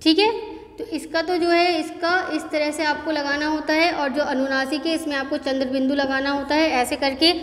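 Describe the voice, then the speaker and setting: A woman teacher with an Indian accent, explaining a lesson slowly and patiently, often checking in with the class and mixing in English words. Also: high voice, flat delivery. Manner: slow, patient explaining with frequent "ठीक है" check-ins. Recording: echoey room with long reverb.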